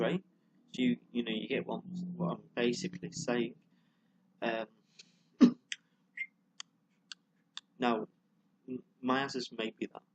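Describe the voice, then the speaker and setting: A man rants to his vlog camera in a mid-range, slightly rough voice, with the highs cut off. He rambles and gets heated, swearing a lot, stumbling, repeating words and piling on fillers.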